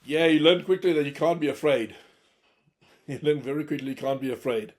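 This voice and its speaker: In a casual interview, a South African podcast host puts his questions in a warm, conversational manner. He has a fairly high, darkish voice and talks at a moderate speed.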